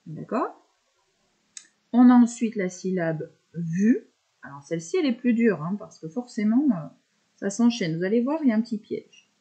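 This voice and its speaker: A woman teacher calmly talking young pupils through handwriting, step by step, with patient explanations. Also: medium pitch, poor audio. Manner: slow step-by-step verbalizing, patient.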